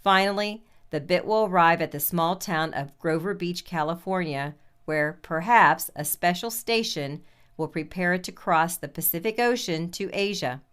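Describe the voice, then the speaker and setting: A woman's voice: lowish voice, normal speed, fairly bright tone, clean tone. A woman reading scripted listening-practice material in a formal, carefully enunciated way.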